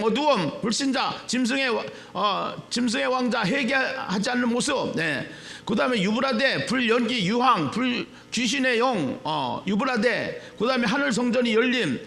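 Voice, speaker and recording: A male pastor with a gravelly voice preaches a sermon, repeating phrases for emphasis. He swings between low murmurs and shouted lines.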